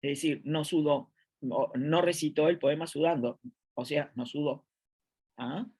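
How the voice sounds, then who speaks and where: A woman's voice: low-pitched, measured pace, warm tone, husky. A middle-aged woman with a Uruguayan accent teaching a grammar lecture from home, thinking aloud with many fillers and restarts. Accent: Uruguayan Spanish. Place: at home, seated in a chair.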